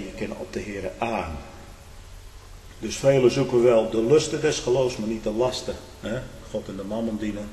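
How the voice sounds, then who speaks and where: Fervent preacher man in echoing hall. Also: a little hiss or hum. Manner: swings between loud outbursts and hushed low tones; fervent, often adds a questioning "hm?". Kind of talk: fiery sermon. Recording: echoey hall with long reverb.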